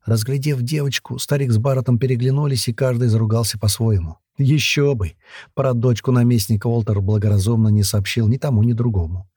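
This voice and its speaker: Husky, dark-voiced male narrator. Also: medium pitch, steady tone, quick pace, few pauses, dry recording, studio quality. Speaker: audiobook narrator. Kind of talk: scripted fantasy narration.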